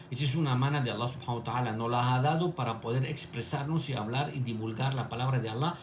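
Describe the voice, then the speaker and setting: A man giving an earnest Islamic sermon, building points in repeated lists and reciting Arabic passages quickly. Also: mid-range voice, reverberant, slight background noise. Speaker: Islamic preacher.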